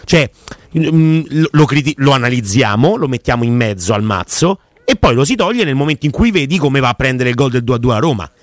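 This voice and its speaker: A man's voice: mid-range voice, lively intonation, a little fast, no room sound. A man hosting a casual football chat, analytical and hesitant, with many fillers.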